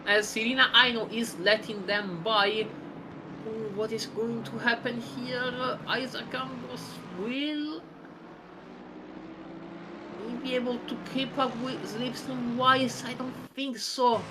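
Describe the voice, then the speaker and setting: A woman giving live sim racing commentary, chatty and rambling, breaking into excited exclamations. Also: fairly high pitch, takes it slowly, noisy background.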